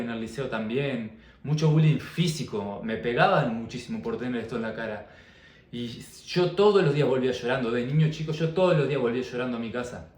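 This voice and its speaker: A man's voice: mid-range voice, darkish tone, roomy sound. A young man, a coach talking earnestly and repetitively to camera in a personal vlog. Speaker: mindset and fitness coach.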